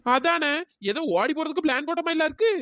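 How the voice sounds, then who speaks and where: A woman's voice: high voice, quick pace, fairly bright tone, no echo, studio quality. A woman doing a nosy, bossy village auntie. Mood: prying. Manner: bossy, prying, scolding.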